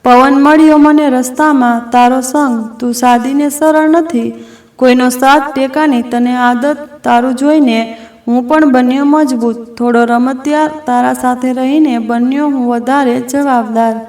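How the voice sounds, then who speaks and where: A woman voicing a gentle, devoted young male friend who speaks in a tender, caring way. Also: high-pitched, steady tone, a little slow, soft background music. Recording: roomy echo from a distant mic.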